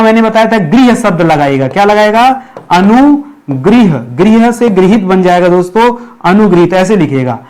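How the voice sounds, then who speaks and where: Male teacher, high voice, video lesson, repeats words, asks rhetorical questions, checks in with viewers. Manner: keeps addressing viewers as friends; ends phrases with a checking "theek hai". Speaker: Hindi grammar teacher. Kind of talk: exam-prep video lesson.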